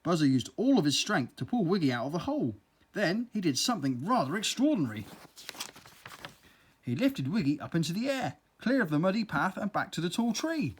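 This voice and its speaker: A storyteller reading a children's story aloud in a playful, expressive way. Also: mid-range voice, a little fast, slightly rough.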